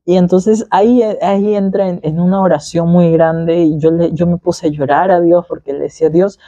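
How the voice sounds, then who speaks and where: A man's voice: high-pitched, steady tone, normal speed, mellow, no room sound, lo-fi sound. A young man, a pastor, telling his story in an interview in an earnest, reflective way with many fillers and tag questions. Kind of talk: conversational testimony.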